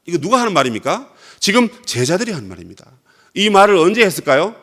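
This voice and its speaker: Male pastor from Korea, expressive preaching, high and animated delivery. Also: fast talker. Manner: preaching with dramatic acted quotes of Jesus. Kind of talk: sermon.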